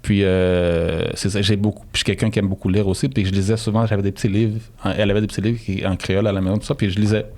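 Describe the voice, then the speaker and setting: Fast-talking Québécois man, low voice. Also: fairly even intonation, darkish tone. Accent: Québécois French. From Quebec, Canada. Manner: rambling, many restarts and fillers. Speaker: guest, DJ. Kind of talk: casual interview chat.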